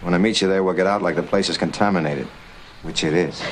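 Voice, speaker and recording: A man's voice: low voice, fairly even intonation, fast, slight background noise, natural voice, low-quality recording. An actor playing a weary male burlesque comedian who talks in dry, self-mocking wisecracks, in 1950s film dialogue. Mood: wry. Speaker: burlesque comic. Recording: 1950s film soundtrack with music.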